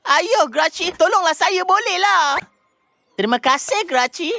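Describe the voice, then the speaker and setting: A woman's voice: very high voice, animated, a little slow, bright, forceful tone, no room sound, studio quality, full character voice. A woman voicing a mischievous cartoon witch who schemes and wheedles. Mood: wheedling, scheming. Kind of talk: animated cartoon dub.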